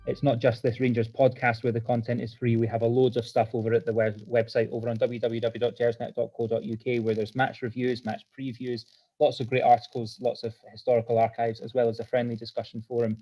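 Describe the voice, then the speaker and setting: A man's voice: mid-range voice, level tone, fast, dull audio, faint music behind. Male podcast host, level-toned, self-deprecating chat.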